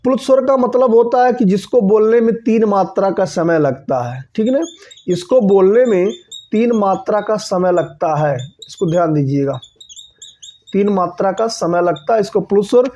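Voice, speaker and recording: A man's voice: high-pitched, lively intonation, moderate pace, dark tone. A man teaching an exam-prep grammar lesson who keeps checking in with his listeners and asks questions he then answers himself. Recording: dull lo-fi sound.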